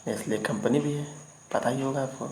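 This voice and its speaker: A man's voice: medium pitch, fairly quick, warm tone. Echoey male teacher, checking in constantly. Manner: repeats words and keeps asking "ठीक है ना?". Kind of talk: online vocabulary lesson. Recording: echoey room with faint noise.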